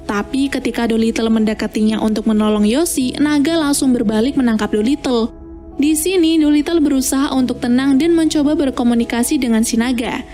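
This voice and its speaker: Woman, scripted story recap narrator, high pitch, soft mellow timbre, background music. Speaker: narrator of film plot recaps.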